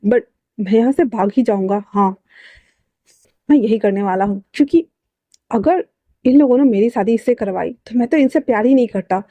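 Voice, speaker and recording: A woman's voice: a little high, normal speed, long pauses, mellow, no echo, close to an everyday voice. A woman voicing a flustered, melodramatic young man who panics and complains, with exclaiming outbursts. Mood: petulant.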